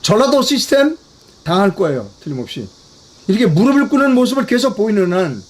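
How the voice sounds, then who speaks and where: An older man giving a political news briefing, talking emphatically, repeating himself and putting rhetorical questions to his viewers. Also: high-pitched. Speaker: political commentator.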